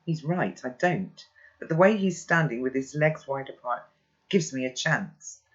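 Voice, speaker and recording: Casting: calm first-person storybook narrator, mid-pitched, lo-fi sound. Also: unhurried. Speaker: reader. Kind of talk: reading a children's novel aloud.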